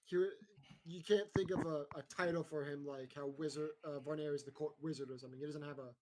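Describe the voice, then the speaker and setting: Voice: medium pitch, steady tone, fast talker, crowd noise. A game master narrating a tabletop game in a casual, rambling way full of fillers.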